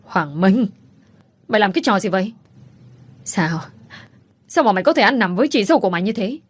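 A woman voicing a wealthy older patriarch who scolds and shouts in fury at his son. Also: mid-range voice, a little slow, natural voice. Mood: enraged.

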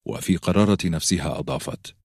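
Low-voiced male audiobook narrator. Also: quick pace, husky, no echo, studio quality. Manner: steady storytelling. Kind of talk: scripted narration.

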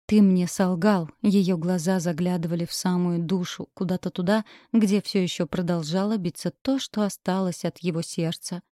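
Woman reading audiobook, intense, warm low voice, dry. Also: fairly even intonation, normal speed, hardly any pauses, dry recording. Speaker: narrator. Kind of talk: first-person audiobook narration.

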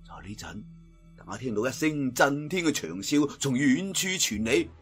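A man with a Cantonese accent narrates a dramatic, scripted wuxia martial arts tale in a theatrical, colloquial storytelling style. His mid-range voice swings widely in pitch at a normal pace, with faint music behind.

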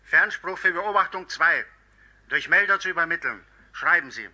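An actor playing a curt army signaller who dictates a message in clipped military style, heard over an old candlestick telephone line. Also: male voice, on the high side, animated, normal speed, pushed and bright, heavily acted. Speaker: regimental telephone caller.

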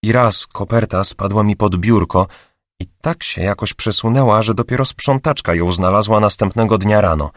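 A man's voice: lowish voice, moderate pace, no echo, studio quality, close to an everyday voice. A man voicing a chatty, anxious young female receptionist who gossips with a raised voice, for an audiobook. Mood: eager complaining. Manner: raised gossipy voice, later hushed whispering.

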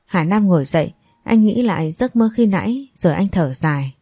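Woman reading a story, low mellow voice, soft music under it. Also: animated, a little fast, no echo, clean studio sound. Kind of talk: scripted narration of a family story.

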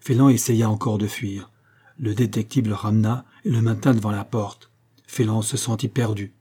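Male narrator for a pulp adventure audiobook, husky and steady. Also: fairly low pitch, moderate pace. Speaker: audiobook reader. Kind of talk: scripted narration of a pulp novel.

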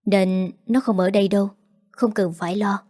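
Woman reader doing a grieving elderly grandmother for an audio story, tearful and pleading, mellow tone. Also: medium pitch, fairly even intonation, moderate pace, dry recording, clean studio sound, lightly acted. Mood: gentle. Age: older. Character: remorseful weeping grandmother near seventy.

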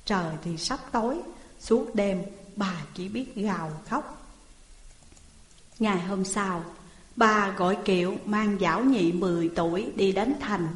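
A woman narrating a traditional court tale in a steady, earnest way. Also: mid-range voice. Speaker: storyteller. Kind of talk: narrated folk tale reading. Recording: roomy hall reverb.

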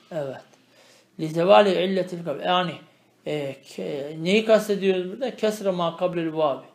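A man teaching a traditional grammar lesson. He reads Arabic phrases slowly, explains them, and keeps asking the student questions. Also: high voice, a little mellow, roomy sound. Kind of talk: traditional religious lesson, explaining a text line by line.

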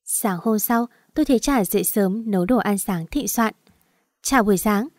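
A woman telling a first-person story as narrator in a steady, even way. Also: medium pitch, normal speed, dry recording, studio quality.

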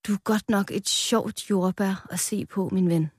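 A woman's voice: mid-range voice, steady tone, slightly rough, no room sound, clean studio sound, close to an everyday voice. A woman voicing the oldest strawberry on a cake, a kindly old figure who calls others "my friend". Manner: slow, fatherly "my friend". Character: old wise male strawberry, kindly and curious.

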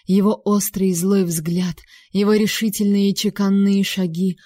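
A woman telling a story in first person as an audiobook narrator, steady and tense. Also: medium pitch, unhurried, dry recording, studio quality.

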